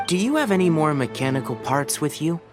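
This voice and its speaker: Brief: young scholarly ranger, aloof and matter-of-fact, lively intonation, game music underneath. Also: male voice, fairly high pitch, brisk. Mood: dry, analytical. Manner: precise, analytical, matter-of-fact. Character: young male forest watcher, scholarly, blunt and aloof. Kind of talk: video game character dialogue.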